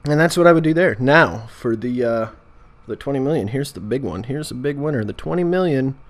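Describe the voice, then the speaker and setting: This vlog host speaks with an American accent in a medium-pitched, expressive voice at a fairly quick pace. His casual chat rambles in a jokey, meandering way, and he often interrupts himself.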